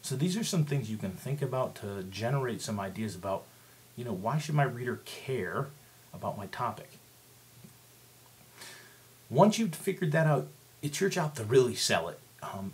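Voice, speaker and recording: A man's voice: fairly low pitch, animated, normal speed, a little mellow. A male teacher giving a casual, step-by-step writing lesson that leans on rhetorical questions. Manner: conversational, explanatory, asks rhetorical questions. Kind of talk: instructional screencast lesson.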